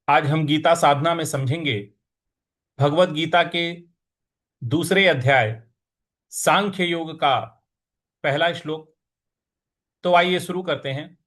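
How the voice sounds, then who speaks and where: A man teaching how to pronounce and recite scripture, chanting verses slowly and then explaining each sound step by step. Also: a little high, fairly even intonation, a bit bright. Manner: slow deliberate teaching, drawn-out chanted verses. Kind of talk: slow recitation lesson with chanting.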